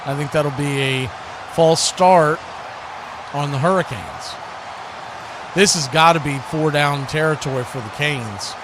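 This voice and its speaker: Calling a football game live, this American play-by-play commentator speaks in a fairly high voice, taking his time and pausing often. His phrases are short and clipped, with words repeated as plays unfold, over a noisy stream full of background noise.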